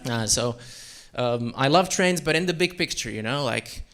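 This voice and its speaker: A young man from Central Europe performing a self-deprecating stand-up set on a comedy club stage, with deadpan delivery and frequent fillers. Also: mid-range voice, normal speed. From Czech Republic and Slovakia.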